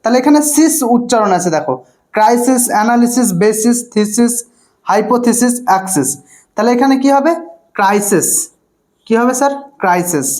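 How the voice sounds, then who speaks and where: A man's voice: extremely high pitch, fairly quick, darkish tone. Bengali-accented male teacher quizzing himself. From West Bengal, India. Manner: asks rhetorical questions and answers them himself; repeats words and often says "okay". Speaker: English teacher. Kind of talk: online exam-prep lecture.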